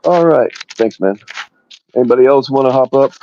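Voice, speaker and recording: A man's voice: mid-range voice, normal speed, warm tone, dull audio, slight background noise. A man hosting a livestream, chatting casually and rambling with crude jokes. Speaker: livestream host.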